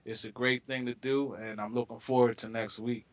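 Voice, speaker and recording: Relaxed man hosting a sports talk show. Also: mid-range voice, a little fast. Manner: relaxed and friendly, with fillers. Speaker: co-host.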